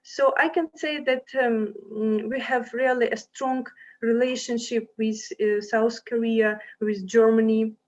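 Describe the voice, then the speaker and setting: A woman's voice: a little high, fairly even intonation, unhurried. A young woman from Ukraine presenting a university to applicants, friendly and hesitant with many fillers. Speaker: university representative. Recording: dull lo-fi sound.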